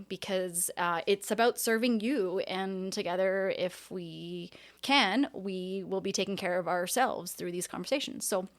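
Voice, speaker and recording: Woman, forties, mid-pitched voice, podcast host, casual and conversational. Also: smooth. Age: 40s.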